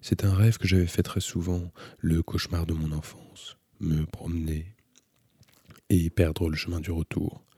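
A man calmly reading a novel aloud as an audiobook narrator, in a measured, introspective way. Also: low voice, slightly rough, no echo.

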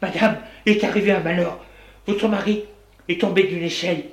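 Urgent, respectful male servant, put on by a storyteller, hurried delivery, birdsong noise behind. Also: medium pitch, steady tone, reverberant, close to an everyday voice. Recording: noisy, with birds chirping behind.

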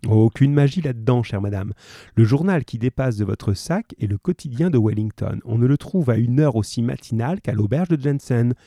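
A shrewd, kindly male detective, read aloud by a man, calmly walking a visitor through his deductions with quiet amusement. The voice is very dark and mellow, with a lively, wandering pitch, and the sound is close and dry. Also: moderate pace, dry recording. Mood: calm explanation. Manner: calm, reassuring, lightly amused.

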